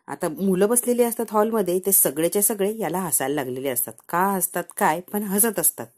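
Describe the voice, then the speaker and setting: A woman narrating a recap of a TV serial episode in a lively storytelling manner. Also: on the low side, fairly quick. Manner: lively storytelling, acting out quotes.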